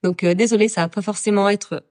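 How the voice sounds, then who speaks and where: A woman's voice: mid-range voice, steady tone, fast talker, darkish tone. Congested, nasal Frenchwoman chatting live. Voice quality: nasal, stuffed-up. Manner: informal, hesitant, talking off the cuff. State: sick with a cold, congested nose, sore throat. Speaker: podcast host and productivity coach. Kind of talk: casual livestream talk to followers.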